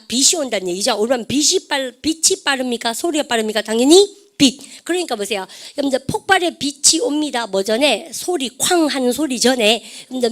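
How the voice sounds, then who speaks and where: A woman with a fairly high voice teaches English vocabulary as a lecture. She keeps firing questions at her students and has them repeat each word after her. She slips back and forth between Korean and English. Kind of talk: classroom lecture.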